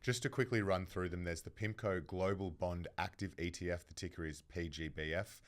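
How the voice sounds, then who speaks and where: An Australian man co-hosting a podcast, reading sponsor details and asking questions in a brisk way. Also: deep voice, fairly even intonation. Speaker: podcast co-host.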